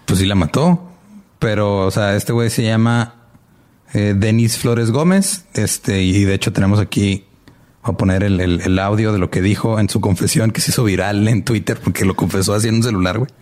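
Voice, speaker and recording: A man's voice: on the low side, fairly even intonation, a little fast, a little mellow. A man co-hosting a podcast, laid-back and joking, full of slang. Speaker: podcast co-host. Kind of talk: casual podcast chat.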